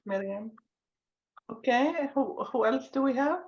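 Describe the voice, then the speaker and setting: A woman moderating as a senior judge, giving semi-formal instructions with a halting delivery full of ums and uhs. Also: high voice, expressive, slight background noise. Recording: echoey room, dull lo-fi sound.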